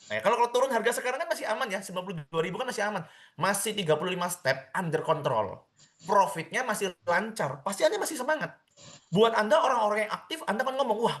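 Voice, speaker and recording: A man giving a live seminar talk to an audience, animated, acting out what people say and often repeating a friendly address to the crowd. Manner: animated, acts out people's quotes, repeats "teman-teman semuanya"; lively swings in pitch and loudness. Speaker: seminar speaker on crypto trading.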